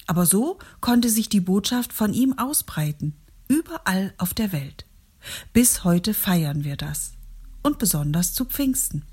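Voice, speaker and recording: A woman narrates a Bible story for children, addressing them warmly and gently. Her voice is soft and breathy, at an ordinary pitch for a woman. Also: sing-song, a little slow. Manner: gentle, warm reading to children.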